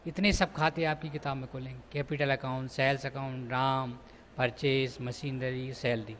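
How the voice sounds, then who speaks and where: A man's voice: mid-range voice, flat delivery, normal speed, a bit bright, a little hiss or hum. A man teaching an accountancy class, explaining step by step and addressing his students as children. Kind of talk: classroom lecture.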